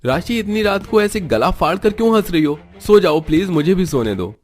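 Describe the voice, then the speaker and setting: A woman's voice: lowish voice, expressive, a little fast, a little mellow. A woman voicing a tired young husband who pleads with his wife in an exasperated way.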